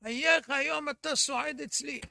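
A man's voice: very high-pitched, steady tone, gravelly, bright, forceful tone, full character voice. A man voicing a revered elderly teacher who reassures his student, in a story told during a religious lesson. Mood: reassuring. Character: revered elderly male sage, kindly teacher.

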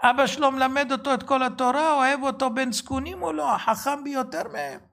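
Fervent religious teacher, male, gravelly voice, keeps asking the listener questions and suddenly raises his voice. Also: very high-pitched. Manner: fervent, rhetorical questions, sudden shouted bursts. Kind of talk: Torah sermon.

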